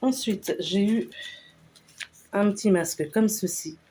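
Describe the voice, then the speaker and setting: A woman casually talking through a shopping haul, unhurried and hesitant with lots of fillers. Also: mid-range voice, warm tone, husky. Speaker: vlogger showing a store haul. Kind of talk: casual haul video chat.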